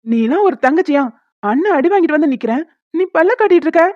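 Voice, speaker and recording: A woman's voice: high voice, animated, no echo. A woman voicing a hot-tempered young man, an elder brother who rants indignantly in a cartoon. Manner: indignant, fast and blustery. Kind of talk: cartoon voice acting. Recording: dull lo-fi dry recording.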